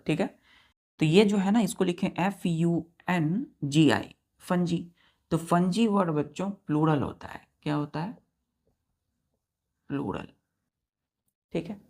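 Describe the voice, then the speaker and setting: A woman teaching a science class to children, mixing Hindi and English, dictating notes slowly and asking the class questions that she then answers herself. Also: low-pitched, a little mellow.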